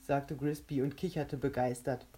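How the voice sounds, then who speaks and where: A woman narrating a children's audiobook with expressive storytelling. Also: very deep voice, moderate pace, slightly rough.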